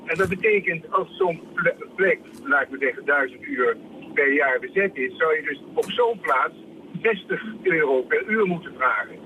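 A man's voice: on the high side, lively intonation, moderate pace, slight background noise. A man calling in to a radio show over a phone line, explaining things step by step in a matter-of-fact way. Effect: heard over a phone line. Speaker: caller.

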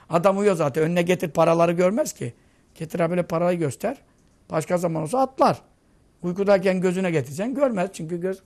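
A man's voice: sits high, creaky, darkish tone. A man giving a sermon, telling vivid stories and asking rhetorical questions. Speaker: preacher.

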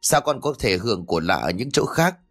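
Man voicing an arrogant rich young man, scoffing, dismissive, animated delivery. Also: fairly low pitch, fairly quick, heavily acted. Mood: boastful.

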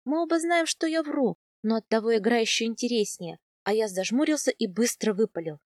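A woman narrating a first-person audiobook in a lively, expressive reading voice. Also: fairly high pitch, brisk, no room sound, clean studio sound. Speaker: audiobook reader.

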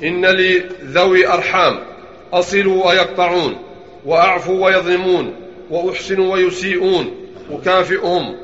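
A man reads hadith chains aloud in a high, bright voice, with a formal recitation that stumbles here and there. The room has a lot of echo, and the recording sounds dull. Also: steady tone, moderate pace. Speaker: student reading a text aloud.

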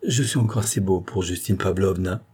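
A man voicing a jolly, mischievous country gentleman in an audiobook, given to mock-dramatic exclamations. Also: deep voice, fairly quick, slightly rough. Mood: mock horror.

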